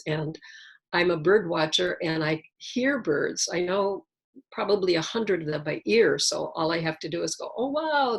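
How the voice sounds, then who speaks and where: A woman's voice: on the low side, creaky, husky, rough recording. A middle-aged woman giving a reflective motivational talk on a video call, with wordplay and humor. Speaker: speaker.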